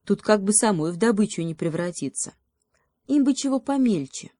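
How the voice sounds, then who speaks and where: A woman narrating fairy tales for an audiobook, in a gentle, unhurried storytelling manner. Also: medium pitch, expressive, no room sound, studio quality. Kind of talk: fairy tale reading.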